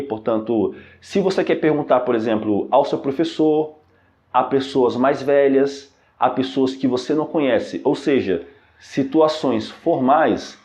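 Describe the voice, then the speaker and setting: A man's voice: medium pitch, mellow. A man teaching an online language lesson, patiently repeating phrases and checking in with "ok?" after each point. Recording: dull lo-fi recording.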